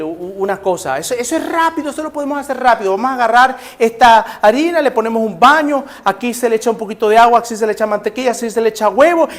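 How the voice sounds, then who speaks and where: A man's voice: sits high, lightly acted. A man doing a bustling church sister. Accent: Nicaraguan Spanish. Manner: rapid, bustling instructions. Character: quick practical church sister, woman teacher.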